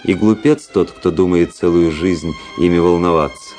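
With a low-pitched, natural-sounding voice set over music, a male actor portrays a proud, cynical, world-weary young aristocratic officer in a Russian radio drama. He speaks in a measured, rhetorical way, coolly reflective in mood.

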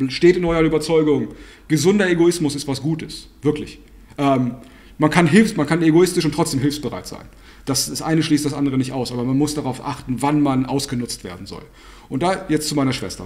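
A man telling personal stories and giving advice in a blunt, repetitive, lecturing way, often pausing with fillers. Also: fairly high pitch, darkish tone. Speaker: online dating and life coach. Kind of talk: spoken monologue, anecdotes and advice.

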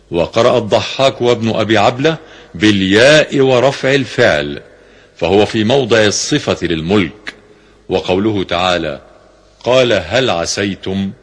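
A man reading a classical scripture commentary in a formal, measured way, slowing down for quoted verses, on a radio broadcast recording. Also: lowish voice, slightly rough. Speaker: reader of Quran commentary.

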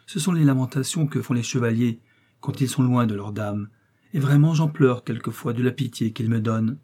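A man's voice: medium pitch, moderate pace, warm tone, lightly acted. Man reading a naive chattering innkeeper's daughter. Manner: artless, chattering. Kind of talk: audiobook reading.

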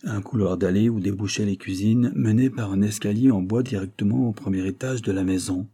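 Warm, husky male audiobook narrator. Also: on the low side, brisk. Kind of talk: scripted first-person narration.

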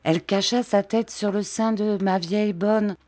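A woman reading a classic novel aloud in a measured, even storytelling manner. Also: mid-range voice. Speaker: audiobook reader.

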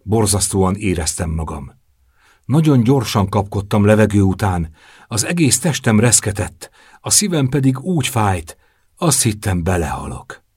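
A man narrating a novel in the first person, in a measured, subdued storytelling manner. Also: on the low side, very animated, darkish tone, husky, no room sound, clean studio sound. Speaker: audiobook narrator.

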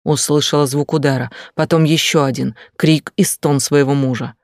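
A man's voice: fairly high pitch, steady tone, normal speed, dry recording, clean studio sound. A man reading first-person audiobook narration in a tense, dramatic way. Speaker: audiobook reader.

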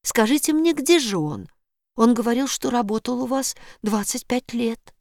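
A woman voicing a meek, gentle young orphan girl in a storybook reading, speaking softly and earnestly. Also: a little high, moderate pace, no room sound, studio quality, voice pushed up, lightly acted.

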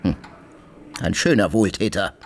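An actor playing a blustering, scheming swindler in a radio drama, insulting, shouting and laughing mockingly. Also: male voice, low-pitched, expressive, measured pace, slight background noise. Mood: sneering. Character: blustering scheming male swindler Tarantyev, loud and coarse.

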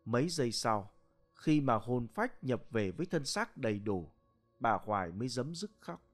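A man narrating a village ghost story in a slow, dramatic manner. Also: mid-range voice, sing-song, faint music behind.

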